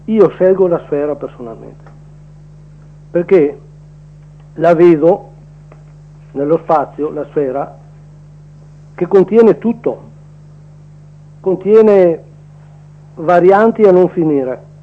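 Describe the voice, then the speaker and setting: A man's voice: sits high, slow, long pauses. A man calling into a radio show over the phone, speaking in a plainspoken, earnest way. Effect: heard over the phone line. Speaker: radio call-in caller. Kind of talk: casual opinion on air. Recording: muffled phone-line audio.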